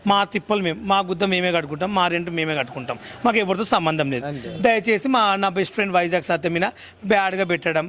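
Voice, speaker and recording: A man's voice: sits high, quick pace, fairly bright tone. A man speaking bluntly and emphatically in an interview.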